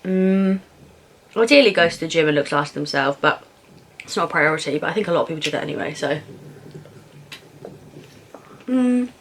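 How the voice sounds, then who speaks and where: A young British woman in a casual Q&A vlog, chatting informally and frankly while eating, thinking aloud with pauses. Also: sits low, lively intonation. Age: young adult. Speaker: vlogger answering viewer questions.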